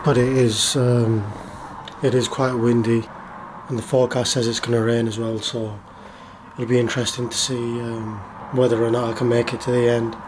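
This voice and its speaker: A British man giving a casual, matter-of-fact vlog update in a low-key way. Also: flat delivery, normal speed, noisy background. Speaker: vlogger. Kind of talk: casual vlog talk to camera.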